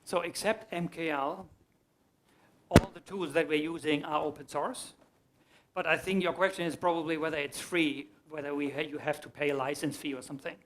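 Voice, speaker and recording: Fairly high-voiced man taking questions. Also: steady tone, normal speed, background noise. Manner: explanatory, restarts mid-sentence. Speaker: conference speaker. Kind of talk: answering audience questions. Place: conference hall.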